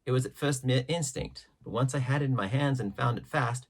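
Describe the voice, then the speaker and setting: An audiobook reader narrates a literary adventure tale at a fairly quick pace. His voice is medium in pitch, with a husky, unpolished grain.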